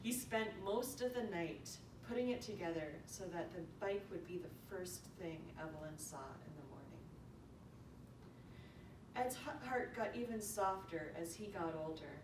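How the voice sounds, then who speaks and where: With an expressive voice and a moderate pace, a woman delivers a prepared eulogy as a story. The recording is echoey, taken from a distant mic, with a rumbling noise in the background.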